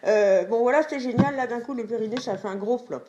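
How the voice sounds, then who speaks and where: A woman's voice: fairly high pitch, fast, warm tone, dull audio, a little hiss or hum. A woman doing a comedy sketch monologue as a reporter presenting survey results, chatty and mock-earnest, with lots of hesitant fillers.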